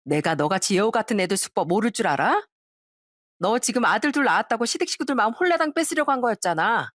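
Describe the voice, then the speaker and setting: A woman's voice: fairly high pitch, lively intonation, quick pace, a bit bright, dry recording, clean studio sound. A woman voicing an arrogant, rude young sister-in-law who talks in a sneering, contemptuous way.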